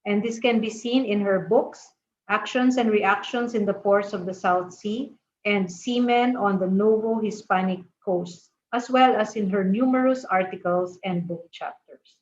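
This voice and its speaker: Female panel moderator, measured and gentle, muffled remote line. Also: medium pitch, a little hiss or hum. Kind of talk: introducing speakers.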